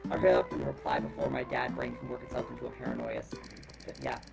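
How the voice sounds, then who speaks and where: Very deep gravelly man streaming a game. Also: very animated, fast talker. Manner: laughs often, voices daughter and dad lines, swears casually. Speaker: streamer playing a dating game. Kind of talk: casual game commentary, reading dialogue aloud. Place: home streaming setup. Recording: lo-fi stream audio with game music.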